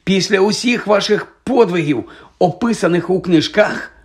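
A man's voice: medium pitch, fairly quick, lightly acted. A man voicing an earnest, incredulous young schoolboy wizard.

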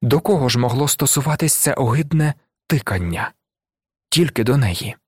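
A man reading a dramatic classic novel aloud as an audiobook narrator, in a measured, expressive way. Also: mid-range voice, breathy edge, no echo, clean studio sound.

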